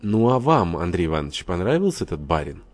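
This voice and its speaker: A man's voice: low voice, sing-song. A man reading a composed, shrewd general's wife who questions people carefully. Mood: probing. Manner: measured, probing.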